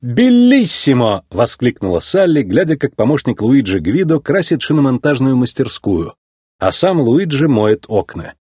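A man narrating a children's storybook in a lively, expressive way. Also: mid-range voice, moderate pace, breathy edge, dry recording, clean studio sound. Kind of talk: storybook reading.

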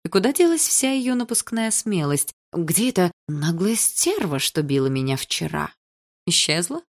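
A woman reading a first-person novel aloud in an even, measured storytelling manner. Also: fairly low pitch. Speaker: audiobook narrator.

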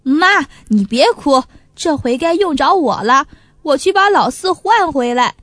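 A man's voice: extremely high pitch, lively intonation, a little slow, a bit bright, no echo, full character voice. A woman voicing a bold, eager young brother with magic stretching legs. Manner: confident, eager.

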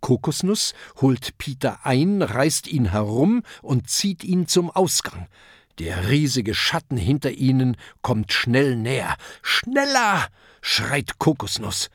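A man narrating a children's adventure audiobook in a lively storytelling manner. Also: mid-range voice, slow, slightly rough, no echo, clean studio sound. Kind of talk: scripted narration.

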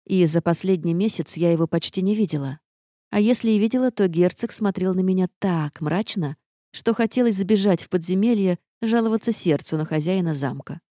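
A woman reading a first-person audiobook with lively, ironic storytelling. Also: on the low side, no room sound, clean studio sound. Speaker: audiobook narrator.

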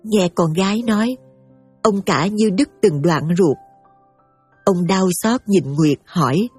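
A woman giving steady, emotive scripted story narration over faint music. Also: medium pitch, takes it slowly, husky, no room sound.

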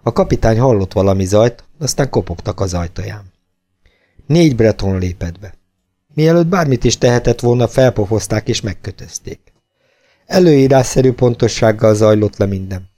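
A man narrating an audiobook in a steady, measured reading voice. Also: on the low side.

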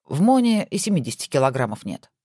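Audiobook husband, bantering and grumbly, low and mellow, read by a woman. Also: very animated, fast talker, breathy edge, no room sound, clean studio sound, heavily acted. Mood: teasing. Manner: bantering, mock-grumpy. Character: teasing grumbling adult husband.

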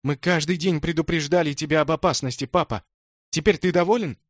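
A man's voice: a little high, brisk, no echo, studio quality, pitched above the performer's own voice, natural voice. Man putting on a scolding, insistent daughter. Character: bossy anxious adult stepdaughter.

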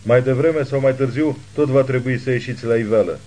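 A man voicing a wounded, defiant gunman who shouts taunts at hidden pursuers in an audiobook. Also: mid-range voice, steady tone, lightly acted. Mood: defiant taunting. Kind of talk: audiobook character reading.

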